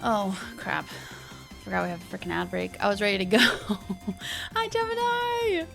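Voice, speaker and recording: A woman's voice: medium pitch, fairly even intonation, normal speed, creaky, a bit bright. A woman hosting a casual livestream, greeting viewers with playful, bubbly gamer-girl chattiness. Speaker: live streamer host. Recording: music behind the voice. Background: background music.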